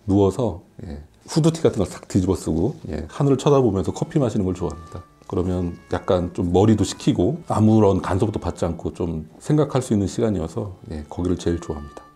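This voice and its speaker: A man's voice: low voice, mellow. A man in his late forties, a professor chatting candidly and conversationally as a guest answering questions on a casual radio show. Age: late 40s.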